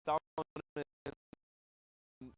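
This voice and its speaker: A man's voice: drawn-out words, a bit bright. A young man with a Scottish accent, from London, giving live sports commentary mixed with casual chat as a rugby commentator and player. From grew up in London. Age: young adult.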